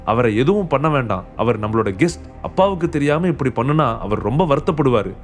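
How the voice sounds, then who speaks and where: A man voicing a gentle, earnest young woman who pleads, in an audio story. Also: mid-range voice, lively intonation, brisk, faint music behind, close to an everyday voice. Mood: pleading.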